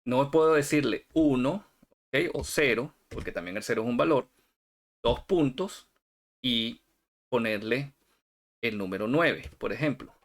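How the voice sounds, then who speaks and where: Male tutorial instructor, mid pitch, step-by-step, keeps checking in. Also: expressive, unhurried, long pauses. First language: Spanish. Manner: talks viewers through steps, checking in with "¿ok?". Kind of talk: software tutorial screencast.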